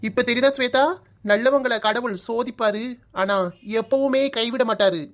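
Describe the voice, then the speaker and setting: A woman's voice: on the high side, moderate pace, heavy background noise, natural voice. A woman voicing a cheeky, lazy young daughter-in-law in a comic cartoon, teasing her in-laws in a Kanyakumari Tamil accent. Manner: teasing, mocking, brash.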